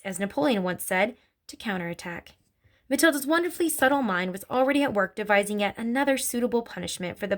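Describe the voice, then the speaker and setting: A woman reads a children's novel aloud with expressive storytelling. Her voice sits mid-range but moves a lot in pitch. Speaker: narrator.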